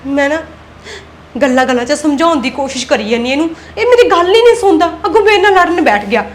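Woman playing a high-voiced scheming young wife. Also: fast, slight background noise, close to an everyday voice. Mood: plotting. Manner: argumentative, self-talk plotting. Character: scheming young wife guarding her son's land. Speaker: daughter-in-law. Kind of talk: Punjabi web-series acting.

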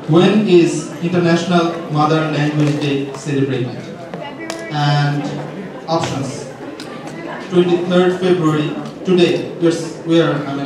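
A young man hosting a live quiz as a game show host, calling up contestants from the stage. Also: fairly high pitch. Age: young adult. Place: large indoor auditorium stage. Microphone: handheld microphone through PA, recorded by audience camera. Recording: echoey hall from far off, crowd noise.

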